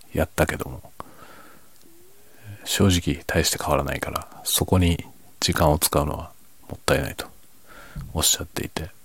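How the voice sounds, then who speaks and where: A man chatting casually and quietly late at night, half whispering as if others in the house are asleep. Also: rumbling low, gravelly, breathy edge, no echo. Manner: speaks quietly, half whispering, so as not to wake sleeping family. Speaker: host of a late-night audio chat. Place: at home at night. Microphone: microphone without windscreen, slightly backed away.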